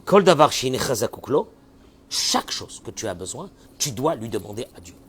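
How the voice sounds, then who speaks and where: A man's voice: mid-range voice, sing-song, moderate pace, husky. Impassioned man giving a sermon. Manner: impassioned, urges listeners directly, swings from soft to loud. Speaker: rabbi.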